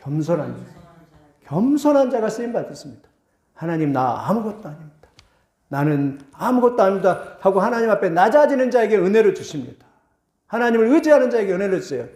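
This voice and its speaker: A middle-aged male pastor preaching with a high voice that carries through an echoey church hall. He builds to sudden rising bursts and slows down for scripture, speaking to a congregation. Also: very animated, a little mellow. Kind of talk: sermon.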